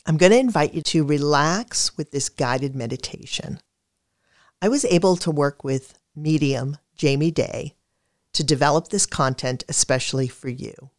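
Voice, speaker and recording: A guided meditation narrator reads a calm script in a medium-pitched, middle-register voice, measured and soothing. The sound is close and dry, with no echo and very little room.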